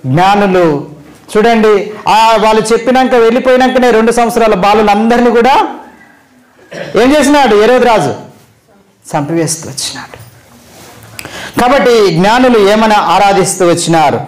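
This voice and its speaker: High-voiced emphatic male preacher. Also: normal speed, pauses often, poor audio. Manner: emphatic, asks the congregation questions and answers them himself; repeats phrases for emphasis, voice rising then dropping at line ends. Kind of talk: Christmas sermon with congregation call-and-response.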